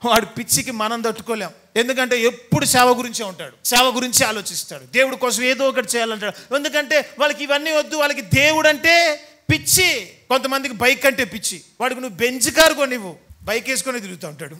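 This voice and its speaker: A male pastor preaches at a rapid clip in a bright, forceful voice. He teases and scolds the congregation in a church hall and slips into the voices of everyday people to make his point. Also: extremely high pitch. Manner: acts out quoted voices in everyday scenes. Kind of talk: sermon.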